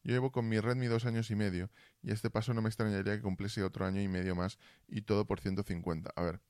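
Casting: deep-voiced male streamer, casual and fumbling with his mic, close dry sound. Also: fairly even intonation, quick pace, a little mellow, no room sound. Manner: fumbling with audio gear, asking chat for feedback. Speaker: Twitch streamer. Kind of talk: casual live-stream chat. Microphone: desk mic, then built-in computer mic.

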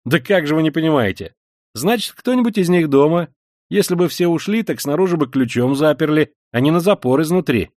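A man reading an audiobook, voicing an excitable young law student who talks loudly and insistently. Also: fairly high pitch, no room sound, clean studio sound, pitched above the performer's own voice, lightly acted. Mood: eager, urgent. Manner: loud, quick, insistent.

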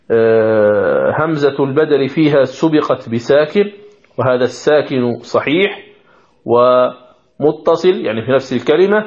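A man's voice: mid-range voice, darkish tone. A man teaching Quranic recitation from a textbook, explaining rules patiently step by step and repeating examples. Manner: asks the listeners questions, then answers them. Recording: dull lo-fi recording.

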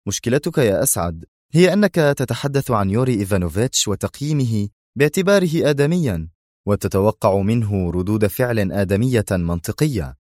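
A cool-headed male commander with a low, dry voice, as a narrator puts him on. He speaks firmly and in clipped phrases, and every line sounds certain. There is no room sound around him. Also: expressive, a little fast, darkish tone, no room sound. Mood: stern.

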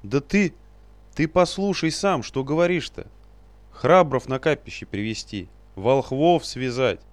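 A man doing a fussy little male wizard-boss in a storybook, shrieking and stamping with indignation, voice jumping high and loud above the reader's own. the outbursts swing wildly up and down. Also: no room sound, close to an everyday voice. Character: shrill fussy male sorcerer-official, easily outraged.

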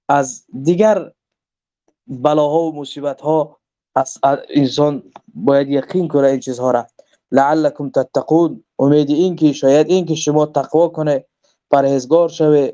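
Mellow Tajik-accented man teaching religion. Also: fairly high pitch. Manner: earnest and emphatic, stops to translate quoted verses. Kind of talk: religious lesson reading and explaining a book.

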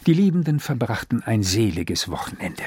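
A man narrating a literary story with a husky, breathy voice and a very lively pitch. He reads into a close mic with a dry, unechoing sound. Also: normal speed, no echo. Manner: expressive storytelling. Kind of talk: literary reading.

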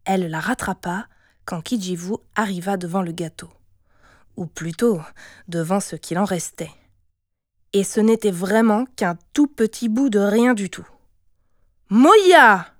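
A woman narrating a children's audiobook in a gentle, expressive reading voice. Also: mid-range voice, unhurried, no room sound, studio quality. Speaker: storyteller.

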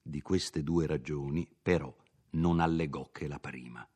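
A man narrating a classic novel in a measured, expressive reading. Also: rumbling low, breathy edge. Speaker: audiobook narrator. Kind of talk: scripted literary narration.

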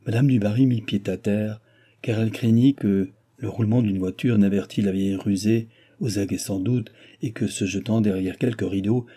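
A man reading a classic novel aloud in measured, even narration. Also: fairly low pitch, husky. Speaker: audiobook reader. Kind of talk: scripted narration.

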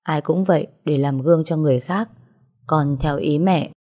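A woman voicing a composed, cold-blooded young woman who speaks calmly and detached. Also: low-pitched, moderate pace. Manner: calm, detached.

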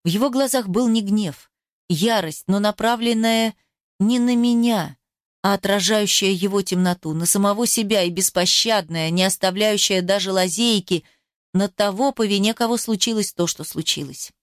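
A woman giving a steady, expressive first-person narration of an audiobook. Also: medium pitch, moderate pace, no room sound, studio quality.

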